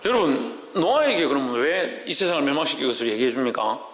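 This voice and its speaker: Male pastor, preaching sermon, animated pitch, echoey church hall. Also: quick pace. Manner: lively, quizzes the congregation and acts out God's words. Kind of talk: sermon with audience questions. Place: church sanctuary.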